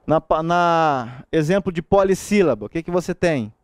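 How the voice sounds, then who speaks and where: Recorded in studio quality without room sound, a male teacher speaks in a slightly high voice at a moderate pace. With a Brazilian Portuguese accent, he delivers a lively exam-prep grammar lecture full of rhetorical questions and frequent "tá?" check-ins.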